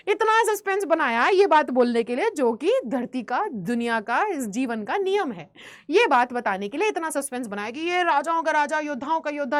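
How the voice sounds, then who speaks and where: A woman teaching a literature chapter, explaining line by line and acting out scenes. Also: high-pitched. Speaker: English teacher. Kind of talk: bilingual Hindi-English literature lecture.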